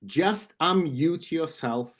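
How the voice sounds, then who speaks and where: As vice president of membership, a man with a Ukrainian accent works through an induction ceremony script at an online club meeting held by video call. He's expressive and a bit high-voiced, reading unhurriedly and pausing for asides and minor corrections.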